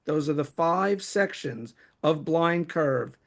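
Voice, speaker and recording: A man's voice: on the high side, animated, slow. A man with a New York accent, hosting and reading from prepared notes as he ranks favourite songs. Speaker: host.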